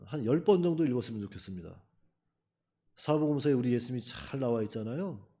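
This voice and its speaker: A man's voice: mid-range voice, lively intonation, fast talker, dark tone. A man preaching a sermon as pastor, talking to the congregation in a chatty way, acting out quotes and chuckling between points. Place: church.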